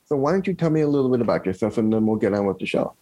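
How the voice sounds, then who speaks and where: A man's voice: medium pitch, animated, very fast, warm tone, no room sound. A man hosting a podcast interview, opening with scripted welcomes and brief questions. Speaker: podcast host.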